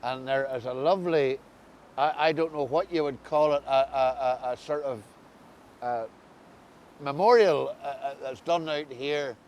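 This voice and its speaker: A man's voice: unhurried, a little mellow. A man with an Ulster accent interviewing someone conversationally as host, recorded outdoors. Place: outdoors beside a river. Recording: faint outdoor rumble and noise.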